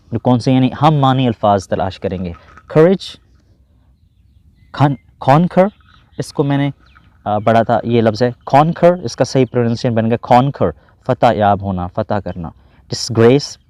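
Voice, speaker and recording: Pakistani-accented male tutor, low mellow voice, patient word-by-word vocab explainer, dry close sound. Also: no echo. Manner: explains word by word, repeats and corrects pronunciations. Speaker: English teacher. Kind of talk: vocabulary lesson.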